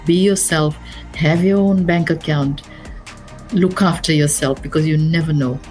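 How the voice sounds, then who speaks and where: A middle-aged Fijian woman talking as an interview guest, her voice sitting low in pitch. She speaks earnestly and often circles back over her words, with soft music faintly under her. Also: steady tone, a little slow. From Fiji. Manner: earnest, repeats and restarts words. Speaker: business advisor, guest. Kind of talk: interview conversation.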